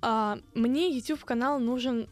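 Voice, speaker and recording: A woman's voice: on the high side, normal speed, faint music behind. A young woman with a lisp that makes her s slushy and slippery, chatting casually as an interview guest. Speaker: video blogger guest.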